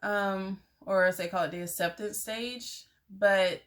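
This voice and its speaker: In an unhurried, steady, medium-pitched voice with a bit of brightness, a young adult woman relates a personal story to her viewers. As a vlogger she keeps it candid and conversational, using lots of "like" and "y'all."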